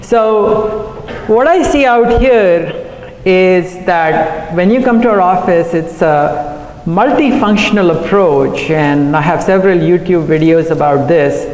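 A middle-aged man, a cardiologist, giving an earnest conference talk at a podium microphone, talking quickly with fillers and self-corrections. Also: high-pitched, a little mellow. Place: large hotel conference room. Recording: echoey hall, recorded from afar.

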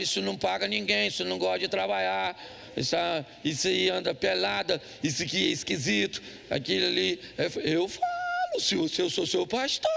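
High, gravelly pastor joking. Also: male voice, pushed and bright, slight background noise. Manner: joking storyteller, quizzes the congregation. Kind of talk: humorous sermon. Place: church.

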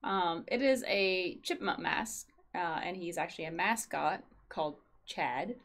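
A woman's voice: fairly low pitch, unhurried, fairly bright tone. A young woman co-hosting a casual livestream, chatting in a playful, giggly way. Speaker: stream co-host.

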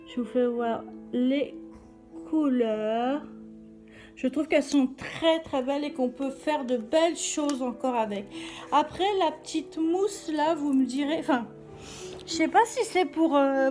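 A woman's voice: high voice, mellow. A woman doing a casual makeup review vlog, chatty and hesitant, with many fillers and restarts. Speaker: beauty vlogger.

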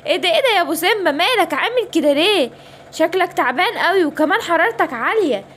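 Brief: woman doing a high, busy mama lioness, Egyptian, storybook. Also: animated, very fast, a bit bright. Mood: fussing. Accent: Egyptian Arabic. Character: caring mother lioness. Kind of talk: children's bedtime story voicing.

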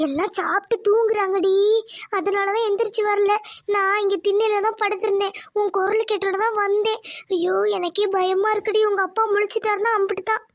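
A woman's voice: very high voice, fairly even intonation, a little fast, no echo. A woman voicing an anxious, tender village mother in a cartoon. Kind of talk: cartoon voice acting.

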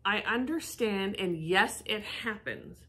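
A middle-aged woman, the psychic co-host of a reaction show, offers casual commentary from a living room with a fireplace. Her medium-pitched voice is a bit bright, slow, and lively in intonation as she thinks aloud and searches for words.

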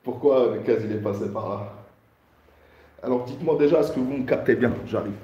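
A man in his thirties hosts a livestream from a resonant bare room with a hallway-like echo, chatting casually, repeating greetings to viewers and mixing in Arabic phrases. His voice is medium-pitched and brisk, with the highs cut off.

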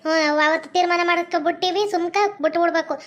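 A harsh middle-aged mother-in-law who scolds and taunts with a North Karnataka accent, played by a woman. The voice sits very high and the words tumble out quickly, with sing-song jeers in between. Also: level tone, a bit bright. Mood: dismissive. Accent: North Karnataka Kannada. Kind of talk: family comedy skit acting.

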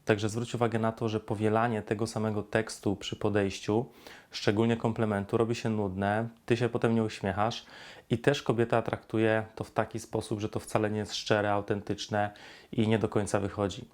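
Flat low-voiced man coaching on dating. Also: normal speed. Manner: instructive, addresses viewer directly, acts out pickup lines. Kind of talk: direct-to-camera advice talk.

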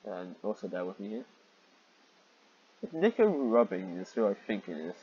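Reading fan fiction at a moderate pace, this man's fairly low, husky voice swings widely in pitch as he mocks the text. Easily sidetracked and exasperated, he stops often to comment, all captured in lo-fi sound.

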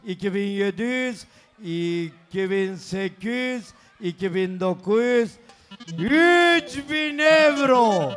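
A man with a strikingly high voice booms out announcements at a wedding party. He stretches his calls slowly, counts out gifts of money and banters with the guests. Music plays behind him. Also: fairly bright tone. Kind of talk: loud festive announcement of gifts, counting sums aloud. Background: celebration music.

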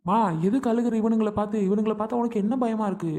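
Someone doing a kind, steady boss, soft and reassuring. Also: mid-range voice, quick pace, natural voice. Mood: soothing.

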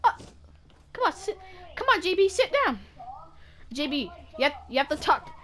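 A woman's voice: sits high, very animated, moderate pace, a bit bright, slight background noise. A woman role-playing in a video game, goofy and bossy, calling out orders to the group.

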